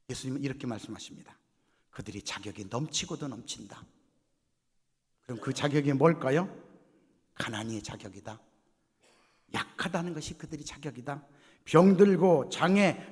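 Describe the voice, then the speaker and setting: A man's voice: medium pitch, husky. A man preaching a Sunday sermon as pastor, asking rhetorical questions and acting out the voices of people in a parable. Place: church sanctuary. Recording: long reverb of a church hall.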